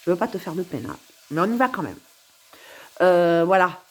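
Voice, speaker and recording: A woman's voice: fairly low pitch, animated, moderate pace. A woman recording a rambling, philosophical monologue to camera at home, musing, giggling and repeating herself. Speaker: vlogger.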